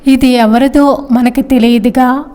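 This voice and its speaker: A woman's voice: high-pitched, fairly even intonation, unhurried, mellow. Woman reading as a timid innocent boy.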